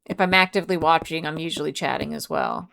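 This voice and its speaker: A woman's voice: low voice, quick pace, creaky, a bit bright, clear, resonant tone. A woman streamer chatting casually with her viewers, reading out and answering chat messages. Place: home.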